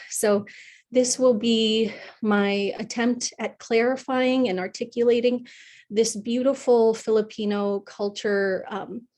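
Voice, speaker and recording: A young woman from California, a psychotherapist presenting an online workshop in an earnest, warm way, with many fillers and restarts. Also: a little high. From California, USA. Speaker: psychotherapist leading a wellness workshop. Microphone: video call.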